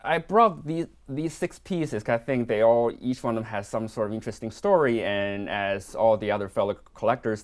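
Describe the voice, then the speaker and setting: Hesitant man, low voice. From Hong Kong. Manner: hesitant, many fillers and restarts, modest. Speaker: watch collector guest. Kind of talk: casual interview.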